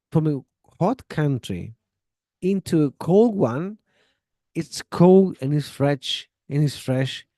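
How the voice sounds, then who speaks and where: In a casual spoken lesson, an English teacher from Chile whose native language is Spanish chats easily, giving friendly tips and performing sample dialogues. His voice is warm, mellow and fairly high-pitched. The recording is close and dry, free of room sound and echo.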